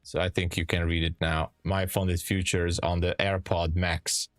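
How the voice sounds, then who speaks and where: A young Hungarian man with a Hungarian accent runs a live day-trading stream from his home trading room, chatting with viewers, laughing, and often restarting as he reads chat. His low, fairly flat voice moves at a measured, unhurried pace. Recorded on a headset, the sound is close and dry with no room tone and soft music underneath.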